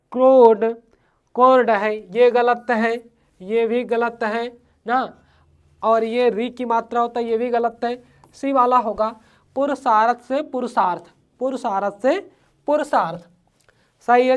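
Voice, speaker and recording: A woman teaching an exam-prep grammar lesson, who familiarly calls her students "brother" and repeats each answer by asking it and answering it again. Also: fairly high pitch.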